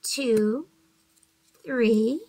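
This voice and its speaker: A woman in her forties, with a fairly high voice, teaches small children a math lesson from her bedroom at home, recorded on a laptop webcam. She speaks gently and encouragingly, drawing out words and checking in with the kids through questions. The recording quality is low.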